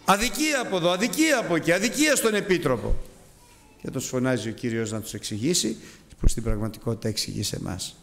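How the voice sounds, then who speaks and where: A man preaching a sermon on a Gospel passage, animated, swinging from high exclamations to low asides and acting out the voices he quotes. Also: vocal fry, in a large hall.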